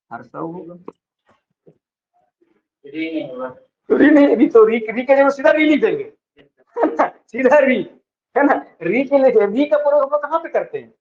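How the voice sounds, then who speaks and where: A male teacher from lecturing on vowels in a classroom style, often checking whether students follow. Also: extremely high pitch. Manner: explains slowly, stretching example words. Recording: dull lo-fi sound.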